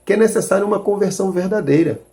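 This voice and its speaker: A man preaching a sermon. His voice sits a little high for a man, but it has a gravelly fry and a dark, mellow tone. He explains scripture earnestly and often restarts as he reasons aloud. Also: fast talker. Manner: earnest, addresses listeners as brothers, restarts while reasoning aloud.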